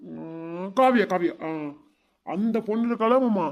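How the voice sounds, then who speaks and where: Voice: mid-range voice, unhurried, lightly acted. A voice actor playing an eager, loyal young village girl in a cartoon, confiding earnestly. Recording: dull lo-fi sound.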